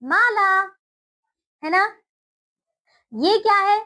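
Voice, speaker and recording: A woman teaching young children to read, coaxing them and reading words slowly and drawn out. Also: very high-pitched, lively intonation, bright, forceful tone. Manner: coaxing, keeps checking in with the class.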